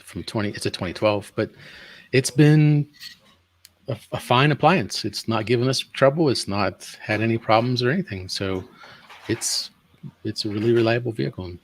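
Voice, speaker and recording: A man chatting on a car podcast, friendly and halting, often repeating his words. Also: medium pitch, slight background noise. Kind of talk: casual car chat.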